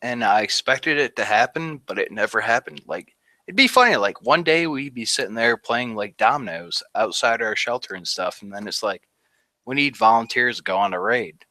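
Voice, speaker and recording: With lively intonation and a normal pace, a man in his thirties talks through his time at war as a veteran interview guest. His medium-pitched voice has a sharp tone, and he rambles, says "like" a lot, and laughs at dark moments. No room sound is audible.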